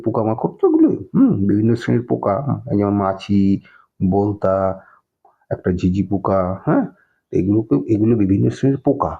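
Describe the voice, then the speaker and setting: Patient teacher, low dark husky voice. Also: male voice. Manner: patient, checks in with "হ্যাঁ?" after nearly every phrase; spells English words letter by letter. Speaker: primary school teacher. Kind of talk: explaining a textbook lesson. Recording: dull lo-fi recording.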